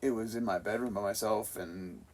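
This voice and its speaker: A man co-hosting a podcast, speaking candidly in a slow, hesitant way with a lot of pitch movement. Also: steady tone. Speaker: podcast co-host. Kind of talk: candid conversational podcast talk.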